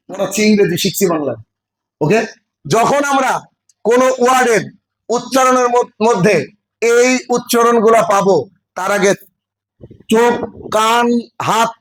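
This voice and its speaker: A man's voice: sits high, a little slow, long pauses, fairly bright tone, slight background noise, poor audio. A man teaching English in a classroom lecture, explaining step by step and checking that students follow. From West Bengal. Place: classroom with a board.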